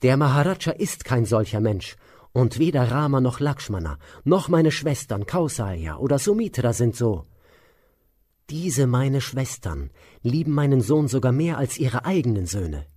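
A man voicing a gentle queen who asks anxious questions. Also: mid-range voice, sing-song, normal speed, voice pushed up. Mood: calmly reproving. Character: alarmed but gentle queen, woman.

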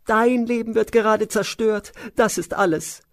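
A man's voice: high-pitched, fairly even intonation, unhurried, no room sound, pitched above the performer's own voice. A man voicing a scheming old maidservant, shrieking and wailing in alarm. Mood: bitter lament.

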